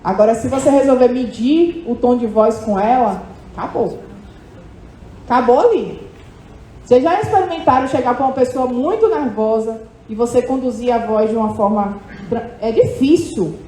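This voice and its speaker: A woman psychologist giving an animated seminar talk to an audience, often checking in with quick tag questions. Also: a little high, slight background noise. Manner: animated, lively, questioning "tá?" tags. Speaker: psychologist speaking at a condo managers' event. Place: hotel event hall with audience. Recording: echoey hall.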